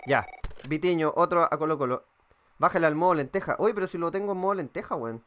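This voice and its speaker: A young man with a Chilean accent talks loosely over his gameplay, swearing and thinking out loud. His voice sits a little high for a man. He reads viewers' messages aloud between moves. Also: fast. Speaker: gaming streamer. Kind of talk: live-streamed gameplay chat.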